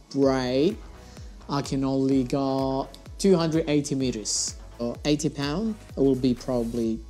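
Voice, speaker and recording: A man's voice: medium pitch, darkish tone. A young man hosting his fishing channel, talking casually through his gear at a desk in a small room on a lapel mic, with slightly phrasing. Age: young adult. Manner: casual, chatty, slightly non-native phrasing. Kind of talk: gear review vlog.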